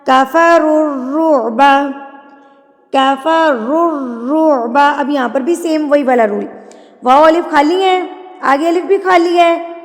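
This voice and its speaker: A woman teaching Quran recitation, chanting words slowly and then explaining patiently with repeated corrections. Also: high voice, long reverb tail. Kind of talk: online tajweed lesson, explaining between recited words.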